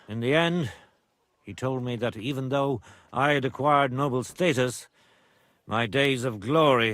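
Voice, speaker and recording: An actor playing a proud older nobleman and father in a medieval video game, speaking gravely and formally. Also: mid-range voice, fairly bright tone, no room sound, lightly acted. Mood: reflective. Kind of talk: video game dialogue acting.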